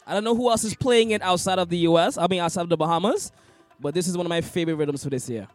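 A male DJ hosts this interview over a video call with a notably high voice. He gushes, leans on emphasis and repeats himself as he praises his guests. Soft music plays faintly underneath. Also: rapid-fire, no room sound. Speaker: DJ and interview host. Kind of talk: casual interview chat.

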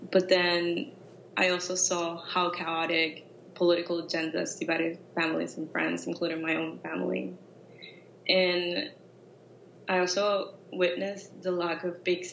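24yo woman, lowish voice, thoughtful, echoey muffled recording. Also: gravelly, a bit bright, a little hiss or hum. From Venezuela. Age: 20s. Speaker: interviewee. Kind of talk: interview answers. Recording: roomy, dull lo-fi audio.

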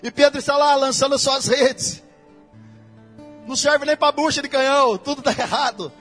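High-voiced Brazilian preacher. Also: male voice, steady tone, moderate pace, a bit bright, faint music behind. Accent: Brazilian Portuguese. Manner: casual, slangy preaching that addresses listeners directly. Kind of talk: sermon. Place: church.

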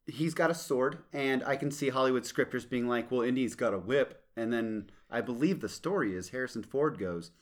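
A man co-hosting a casual legal podcast, relaxed and joking as he retells a film's scenes. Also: medium pitch, normal speed, few pauses. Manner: relaxed, joking, laughs often. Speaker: podcast co-host.

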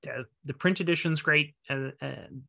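A man co-hosting a casual book-club podcast, talking in a relaxed, hesitant way with restarts. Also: fairly high pitch, normal speed, creaky. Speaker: podcast co-host.

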